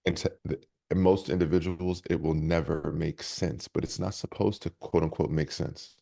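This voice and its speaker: A man's voice: low voice, fairly even intonation, normal speed, creaky, dark tone. A man who is a leadership coach and speaker, telling stories energetically in an interview with many restarts. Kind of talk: conversational interview storytelling.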